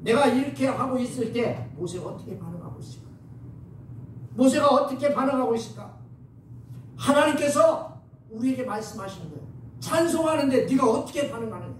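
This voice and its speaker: A male pastor preaches with a high, animated voice, coaxing his listeners to answer back. He sounds far from the mic, with the sound ringing through a very echoey church sanctuary under a faint hiss. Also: a little fast. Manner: lively, coaxing the congregation to respond. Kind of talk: sermon.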